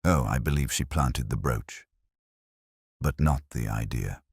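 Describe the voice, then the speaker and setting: In this mystery audiobook, a male narrator gives the shrewd detective inspector an exaggerated, very deep and husky voice, murmuring knowingly with soft-spoken, measured probing. He sounds quietly suspicious, captured in a dry, clean studio recording.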